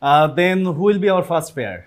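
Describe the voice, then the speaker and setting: A man's voice: on the high side, sing-song, drawn-out words. A man hosting a classroom lesson. He mixes Bengali with English and speaks directly to the students. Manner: upbeat, addresses students directly. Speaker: classroom program host.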